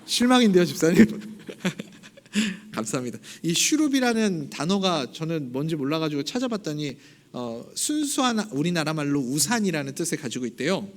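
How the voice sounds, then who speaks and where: A male pastor preaching in a church with a fairly high voice. He tells a story casually and talks directly to the congregation. He slips into voices when he acts out scenes. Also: sing-song, moderate pace. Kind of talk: sermon. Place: church sanctuary.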